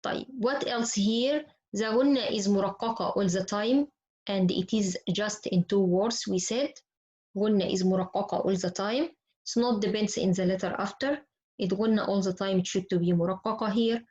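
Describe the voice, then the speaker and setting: In a lesson full of recited examples, a woman whose native language is Arabic explains recitation rules one step at a time, speaking with an Arabic accent. She talks briskly in a medium, slightly mellow voice, instructive and repetitive, posing questions and answering them herself. The lo-fi class recording sounds dull.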